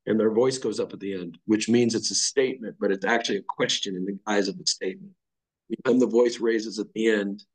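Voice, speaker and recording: A man's voice: lowish voice, husky, poor audio. A middle-aged man guest on a podcast, explaining ideas in a blunt, profane, casual way. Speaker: podcast guest, fire lieutenant. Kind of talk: casual conversational chat.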